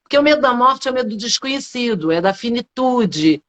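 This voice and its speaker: A woman's voice: on the high side, lively intonation, a little fast, a bit bright. A middle-aged woman with a Brazilian Portuguese accent, a public speaking coach explaining ideas as a guest in a live interview, posing rhetorical questions and adding frequent tag questions.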